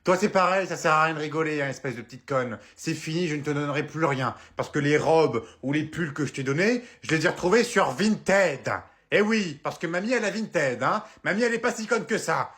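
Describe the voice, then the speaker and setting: A nasty, foul-mouthed old grandmother, as a man puts her on, scolding her family with insults in a fast, high-set voice. She talks quickly and never holds back. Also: animated, a bit bright. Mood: spiteful. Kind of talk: comedy sketch acting.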